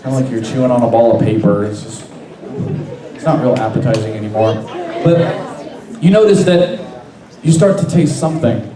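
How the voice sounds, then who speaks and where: A man's voice: mid-range voice, normal speed. A man performing as a comedy stage hypnotist, giving repetitive, suggestive patter to volunteers on stage. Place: large indoor hall. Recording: echoey large hall, distant, audience noise. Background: live audience crowd.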